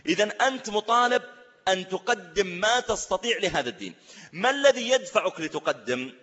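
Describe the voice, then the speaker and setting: A man preaching a sermon, telling stories in an animated way and asking rhetorical questions. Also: high voice, a little fast, big-room sound, lo-fi sound. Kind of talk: sermon with storytelling.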